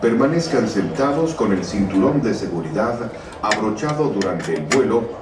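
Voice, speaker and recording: A man giving a calm, formal, scripted safety announcement, played over a ride loudspeaker. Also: lowish voice, a little fast. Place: theme park ride hall. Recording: echoey, distant, crowd noise around.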